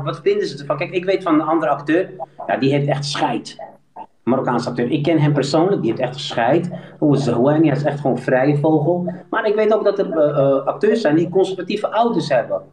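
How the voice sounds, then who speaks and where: A man's voice: a little high, brisk, noisy background. A man in a casual live debate, probing and earnest. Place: group live-stream call. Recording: roomy, distant mic, voices around.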